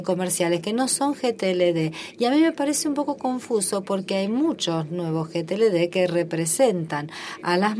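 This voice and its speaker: At a formal meeting, a woman works as a simultaneous interpreter, relaying each speaker in the first person. She pauses often with filler sounds. Her voice is on the low side and a little mellow.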